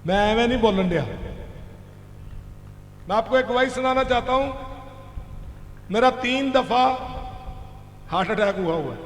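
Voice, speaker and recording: High-pitched preacher shouting in a hall. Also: male voice, a little slow, long pauses. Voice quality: mixes Hindi with English phrases. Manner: shouting fervently, calls out to the crowd. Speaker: pastor. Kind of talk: healing-service sermon. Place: large hall at a church meeting. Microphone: handheld stage mic. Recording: echoey hall with rumble.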